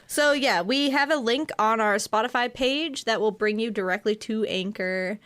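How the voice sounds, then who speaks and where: A young woman co-hosting a podcast from home, bubbly and lively in casual chat, laughing often. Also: a little high, moderate pace, clean tone. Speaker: podcast co-host. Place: home bedroom.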